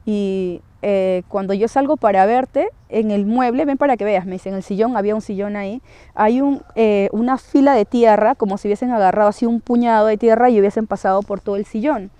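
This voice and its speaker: A woman's voice: mid-range voice, a little fast, warm tone, clean tone, no echo. A woman recounting her own paranormal experience in a hesitant way, with many tag questions and restarts. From Peru. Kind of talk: first-person testimony, casual storytelling.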